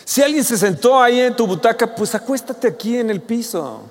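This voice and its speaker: A male pastor preaching a sermon, acting out angry voices and building to shouted appeals. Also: extremely high pitch, lively intonation, moderate pace. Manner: acts out angry speakers, rises to shouted appeals. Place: church auditorium with a congregation. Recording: preaching in a reverberant hall.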